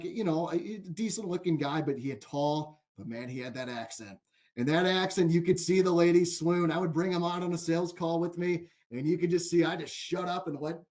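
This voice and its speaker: A man with a fairly high voice co-hosts a sports betting podcast. He chats loosely, laughs often, and leans on filler words. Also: darkish tone. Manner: chatty, laughs easily, full of fillers like "like". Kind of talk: casual podcast chat.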